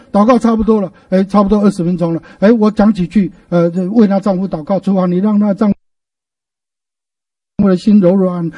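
A middle-aged pastor preaches a sermon on a radio broadcast, telling stories and posing lively rhetorical questions. His voice sits high, and the distant-mic recording sounds dull but has no echo.

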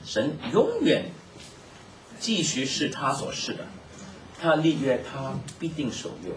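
A man preaching a Bible teaching sermon, explaining in a lively way and mixing in English terms. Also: on the high side, takes it slowly. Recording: echoey, distant mic, noisy room.

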